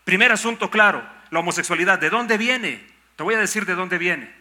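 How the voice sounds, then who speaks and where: A man's voice: high voice, fairly quick, sharp tone. An older man, a pastor preaching a sermon emphatically, with rhetorical questions and mock objections.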